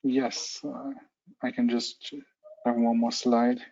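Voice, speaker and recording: A man's voice: mid-range voice, level tone, takes it slowly, gravelly, mellow. A man organizing an online technical talk, giving formal, courteous closing remarks and thanks. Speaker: event organizer. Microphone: video call. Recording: slightly muffled call audio.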